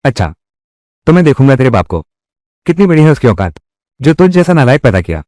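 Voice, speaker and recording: A menacing tough guy from a dubbed revenge drama, voiced by a man. His pitch swings widely as he threatens, and the close studio recording is dry with no room sound. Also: sing-song, a little fast, darkish tone, no echo, lightly acted. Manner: threatening, confrontational delivery. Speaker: dubbing voice actor. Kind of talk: Hindi dub of a live-action drama.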